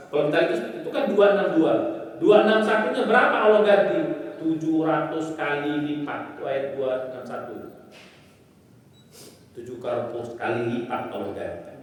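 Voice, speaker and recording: A man giving a lively sermon, teasing the congregation with questions. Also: mid-range voice, slight background noise. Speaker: preacher. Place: large echoing mosque hall. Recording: echoey hall, distant mic.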